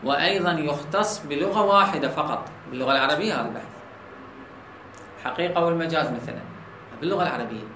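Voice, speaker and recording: A man with an Iraqi Arabic accent teaching a logic lesson, often asking his students whether the point is clear. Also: a little high, quick pace, sharp tone, slight background noise. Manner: asks students checking questions. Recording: echoey room with faint ambience.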